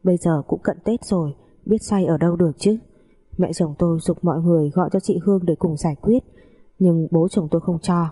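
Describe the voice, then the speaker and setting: Husky-voiced woman narrating a story. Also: on the low side, brisk. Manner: steady, confiding storytelling. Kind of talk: first-person audio story narration.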